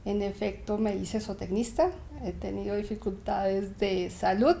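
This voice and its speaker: A woman's voice: medium pitch, fairly even intonation, unhurried, vocal fry, a little hiss or hum. A woman with a Bogotá Colombian accent answering interview questions in a friendly, conversational way. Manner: warm, friendly, occasionally laughing. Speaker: interview guest.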